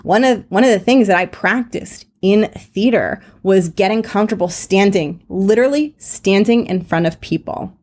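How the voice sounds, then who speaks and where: A woman's voice: medium pitch, normal speed, few pauses, a little mellow. A woman hosting a solo podcast, teaching in an earnest, reassuring way, peppering her talk with "like" and "right?" and laughing at herself. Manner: earnest, reassuring, many "like" fillers and "right?" tags. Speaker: podcast host and confidence coach.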